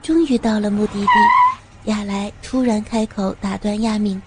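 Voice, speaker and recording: A woman narrating an audio story in a smooth, steady reading voice. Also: mid-range voice, normal speed, very noisy.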